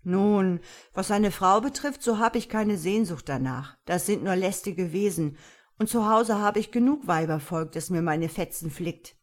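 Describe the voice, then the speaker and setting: A woman's voice: medium pitch, a little slow, natural voice. A woman voicing a humble, work-shy young farm lad who talks plainly and bluntly, reading from a storybook.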